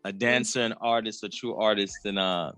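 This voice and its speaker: A man hosts a music podcast interview, chatting casually and laid-back with plenty of slang, and he swings his pitch when quoting reactions. His tone is steady and sharp at a moderate pace, with no room sound.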